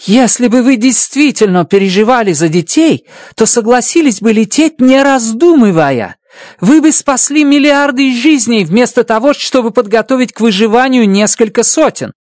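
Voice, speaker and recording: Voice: medium pitch, expressive, normal speed, no room sound, clean studio sound, pitched above the performer's own voice, natural voice. A reader voicing a stern, domineering woman mission chief who barks orders in an audiobook. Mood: scornful. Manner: shouting, harsh and domineering. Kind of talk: audiobook character voice.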